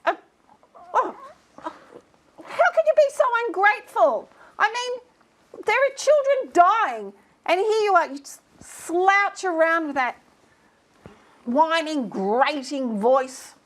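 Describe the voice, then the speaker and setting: High-voiced self-obsessed tv host lady, played by an actress, syrupy and dramatic, takes her sweet time. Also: slow, pauses often, a bit bright. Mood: indignant. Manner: theatrical, syrupy and self-pitying. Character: vain self-absorbed female talk-show host. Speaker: talk-show host. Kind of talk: comic sketch acting.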